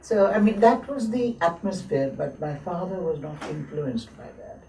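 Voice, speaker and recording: A woman in her seventies, born in Lahore and raised in Abbottabad, reminisces slowly as an interviewee, with many hesitant pauses. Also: on the low side, animated, mellow. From born in Lahore, grew up in Abbottabad. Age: 70s. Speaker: interviewee, textile historian. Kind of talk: slow reflective reminiscing. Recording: roomy echo, mic at a distance, faint hiss.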